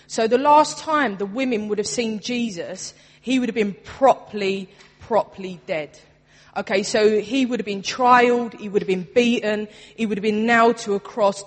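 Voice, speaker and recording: A young woman with a Cockney accent giving a chatty, self-mocking Easter talk to a congregation as a youth worker, laughing often. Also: medium pitch. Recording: long hall reverb.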